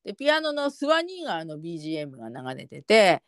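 A woman's voice: lowish voice, wildly swooping pitch, fast, fairly bright tone, dry recording, studio quality. A woman co-hosting a casual podcast about a TV show, chatty and explanatory, laughing often. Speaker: podcast co-host.

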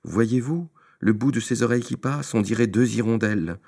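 A man's voice: mid-range voice, normal speed, creaky, darkish tone, husky, voice pushed up. A man doing a sly young rascal, fake-wailing. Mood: fake distress. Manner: pleading, melodramatic.

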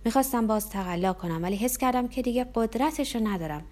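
A woman's voice: on the high side, lively intonation, a little mellow. Female audiobook narrator, tense dramatic first-person story reading.

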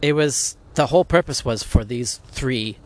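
Man, mid pitch, casual monologue, rhetorical questions, restarts. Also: normal speed.

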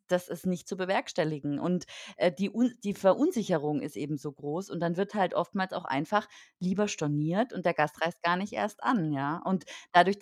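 Low-voiced woman, halting and indignant. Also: no room sound, studio quality. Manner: hesitant, many fillers and restarts, indignant. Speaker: podcast guest from the hotel industry. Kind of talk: casual podcast conversation.

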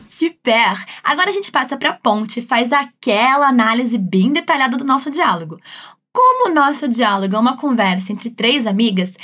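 Uma professora de francês com sotaque brasileiro, dando aula de um jeito animado, coloquial e encorajador. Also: female voice, fairly high pitch, very animated, moderate pace, a bit bright, slight background noise. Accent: Brazilian. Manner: upbeat, chatty, encouraging. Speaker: French teacher. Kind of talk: language lesson.

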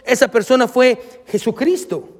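A man's voice: very high voice, expressive, normal speed, vocal fry, slightly rough. A male pastor preaching a sermon emphatically, speaking straight to his congregation. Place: church. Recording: long reverb of a church hall.

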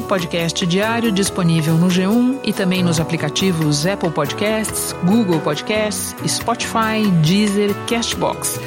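A woman hosting a daily news podcast, asking questions and signing off in a clear, composed way. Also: mid-range voice. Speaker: podcast host.

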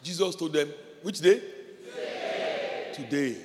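High-voiced man preaching in a hall. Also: slow, darkish tone, some chatter behind. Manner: impassioned preaching, repeats phrases, call-and-response with congregation. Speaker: pastor. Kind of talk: sermon. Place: church hall. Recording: reverberant hall with faint background noise.

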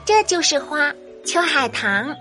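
A woman's voice: high-pitched, very animated, measured pace, bright, forceful tone, faint music behind, voice pushed up, full character voice. A woman voicing an eager, friendly little fox cub who explains things in a childlike way in a children's story. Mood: proud.

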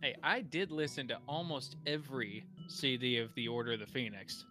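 A man's voice: medium pitch, moderate pace, over music. A man co-hosting a podcast in casual chat, joking, laughing often and breaking into bits of show tunes. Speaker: podcast co-host.

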